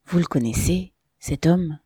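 A woman voicing a thoughtful, quiet bearded male peasant who speaks low and pensively, read from a storybook. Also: measured pace, husky, dry recording, studio quality, heavily acted.

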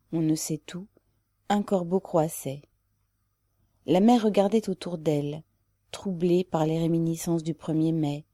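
A woman narrating an audiobook in a low, dark voice. She reads slowly and evenly. The recording is dry and close. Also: dry recording. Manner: measured, even reading.

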